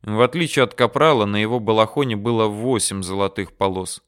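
Smooth-voiced male audiobook narrator. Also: fairly low pitch, a little fast, fairly bright tone. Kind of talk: first-person audiobook narration.

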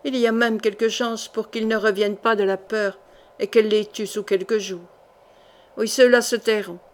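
A woman reading aloud, voicing a ruthless male scholar-sorcerer who mutters intense, low threats in a storybook reading. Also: fairly even intonation, normal speed, lightly acted. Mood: brooding.

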